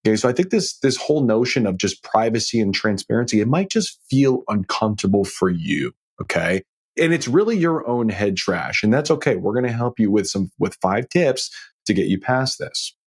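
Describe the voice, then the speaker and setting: A middle-aged man hosts a financial advice podcast by himself in a fairly low, husky, expressive voice at a moderate pace. He's a financial planner who speaks conversationally, emphatic and folksy, with frequent rhetorical check-ins.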